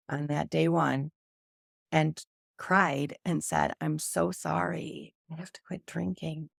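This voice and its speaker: A woman with a lowish, gravelly voice speaks earnestly and openly in long flowing runs. She is a podcast guest telling her own story in a close, dry sound. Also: no echo. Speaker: podcast guest, sober coach. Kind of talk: candid personal storytelling in a podcast conversation.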